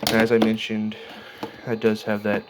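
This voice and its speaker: Handling his equipment as he goes, a low-voiced radio enthusiast speaks in a flat, stop-and-start way during an informal, unplanned demonstration. Clicks and obvious background noise run through the recording.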